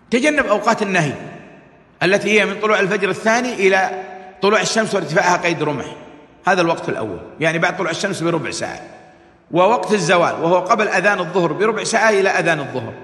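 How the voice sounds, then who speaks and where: A man's voice: high voice, a bit bright. A man giving a religious lesson as preacher, repeating texts and explaining them with rhetorical questions. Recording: echoey hall with long reverb.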